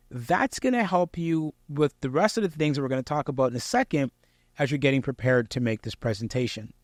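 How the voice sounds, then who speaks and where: A man giving instructional tips straight to the listener in a clear, projected presenter's delivery, conversational yet emphatic and encouraging. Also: on the high side, a little mellow, no echo. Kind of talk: conversational instructional talk to camera.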